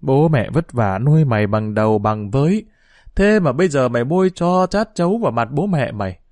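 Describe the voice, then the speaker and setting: A man voicing a furious middle-aged village mother who scolds and wails in a shrill voice. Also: animated, fairly quick, darkish tone, no echo, clean studio sound, natural voice. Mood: scolding.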